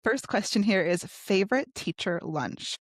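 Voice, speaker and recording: A woman's voice: mid-range voice, lively intonation, no echo, clean studio sound. A woman hosting an interview, upbeat and affirming, chatting casually with her guest. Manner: upbeat, affirming, quick asides. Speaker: host.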